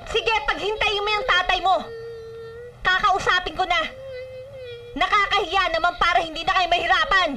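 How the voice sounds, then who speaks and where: An actress playing a proud, sharp-tongued single mother in a film drama, scolding and bitter. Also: very high voice, steady tone, normal speed, pauses often, distant mic, crowd noise.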